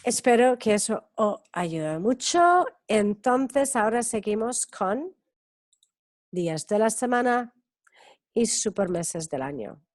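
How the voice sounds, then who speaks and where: A woman teaching an English class over a video call. She drills each word slowly, stretches the sounds and keeps checking with "ok?". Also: a little high, sing-song, a little mellow, no room sound, clean studio sound. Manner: slow, drawn-out pronunciation drills with frequent "ok?" checks. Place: community centre in Barcelona.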